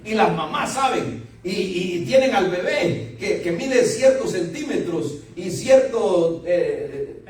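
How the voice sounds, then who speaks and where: An older man, a pastor, delivering a lively sermon with frequent laughs and exclamations. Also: sits high, takes it slowly, slight background noise. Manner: animated preaching with frequent laughter, rising to exclamations. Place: church sanctuary. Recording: echoey church hall, voice from a distance.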